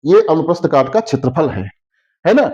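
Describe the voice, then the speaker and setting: A man with a Hindi accent teaches a classroom physics lesson in a high, animated voice that swoops up and down. He keeps checking with his students and drags out key terms slowly. The audio is slightly dull and lo-fi. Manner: repetitive, constantly asks "है ना?" checking understanding; slows down to spell out key terms.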